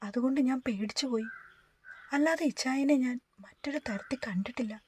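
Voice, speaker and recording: A woman's voice: high-pitched, measured pace, breathy edge. A woman reading as a timid, frightened young woman. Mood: pleading. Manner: soft, pleading.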